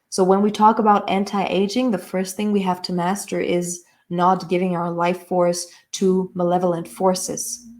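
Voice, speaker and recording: A woman's voice: fairly low pitch, darkish tone. Emphatic woman spiritual coach. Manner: emphatic, preachy, intense. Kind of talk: spiritual masterclass talk.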